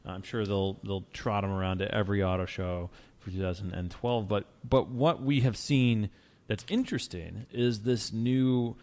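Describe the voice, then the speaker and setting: Gravelly low-voiced man chatting casually. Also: moderate pace. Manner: relaxed, rambling storyteller with many restarts. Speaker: podcast host. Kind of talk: casual car chat.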